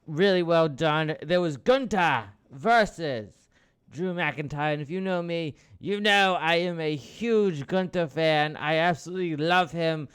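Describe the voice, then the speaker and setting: Excitable man ranting about wrestling. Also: fairly high pitch, unhurried, smooth. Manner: excitable, bursts into loud enthusiastic outbursts; rambling with frequent restarts and swearing. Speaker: podcast host. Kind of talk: casual wrestling commentary.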